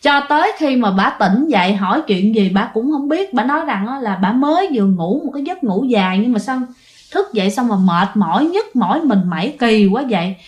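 A woman's voice: fairly high pitch, expressive, brisk. A woman telling a ghost story in a chatty way, talking straight to her listeners. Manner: chatty, addresses listeners directly, many fillers. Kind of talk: casual spoken storytelling.

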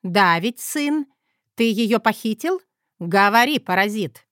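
A woman voicing a bossy, sharp-tongued older mother who barks orders and scolds in a brusque, commanding way. It is read as part of an audiobook. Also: medium pitch, lively intonation, slow pace, no room sound, studio quality, voice pushed up.

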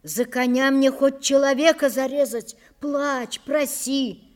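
A woman reading the part of a desperate young nobleman in an audiobook, who pleads in an urgent, imploring rush. The voice sits somewhat high. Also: fairly even intonation, slow pace. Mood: urgent pleading.

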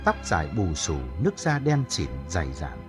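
A man narrating an audiobook story in a calm storytelling manner. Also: sits low, moderate pace, over music.

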